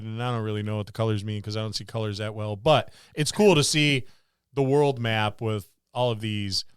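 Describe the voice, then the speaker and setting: A man with a fairly low, clear, resonant voice co-hosts a casual podcast about tabletop gaming, rambling enthusiastically. The recording is dry and studio quality.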